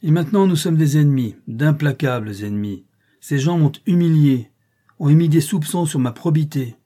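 A man's voice: a little high, normal speed, warm tone, lightly acted. A man voicing a haughty, vengeful male former business partner with a resentful manner in an audiobook reading. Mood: bitter.

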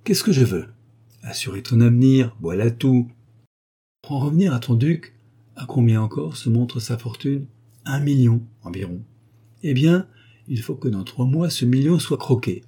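A man voicing a cynical, scheming male journalist in an audiobook, talking in a brisk, mocking, commanding way. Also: mid-range voice, expressive, warm tone, slightly rough, voice pushed up. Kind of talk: audiobook character voice.

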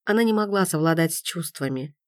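A woman narrating a romance audiobook in a measured, expressive way. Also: fairly low pitch, no echo, clean studio sound.

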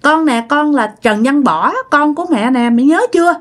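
A woman's voice: high voice, animated, normal speed, voice pushed up. Little ghost boy, childlike, pleading, Southern Vietnamese accent; a woman storyteller puts it on. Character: spirit of a small boy, pleading sweetly.

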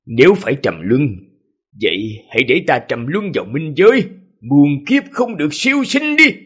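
A man's voice: medium pitch, very animated, quick pace, a bit bright, slightly rough. A man voicing a cold, vengeful young male scholar in a grim tone.

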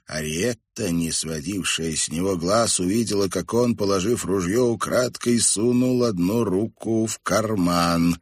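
A man narrating a storybook in an even, measured reading. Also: deep voice, no room sound, studio quality. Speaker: audiobook narrator.

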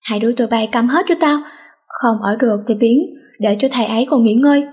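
A woman voicing a hot-tempered teenage girl who shouts and bosses others around in a storybook reading. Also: on the high side, steady tone, brisk, husky. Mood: yelling angrily. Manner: shouting, bossy.

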